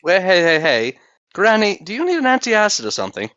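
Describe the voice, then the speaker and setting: A man bantering as a player in a tabletop game, with a highish voice that swings around a lot. He is playful and teasing. The recording is dry and a bit dull. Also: big pitch swings, brisk, sharp tone, no room sound. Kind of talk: casual joking banter.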